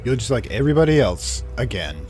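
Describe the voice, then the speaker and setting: A man's voice: mid-range voice, very animated, fast, a little mellow, faint music behind. A man doing casual game commentary, rambling and thinking aloud as he plays. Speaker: let's play commentator.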